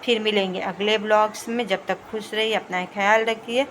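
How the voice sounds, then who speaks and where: Young woman chatting through her daily home vlog, pretty flat delivery, bit of faint background noise. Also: mid-range voice, moderate pace. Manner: chatty, running commentary on home routine. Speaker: vlogger. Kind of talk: casual vlog narration.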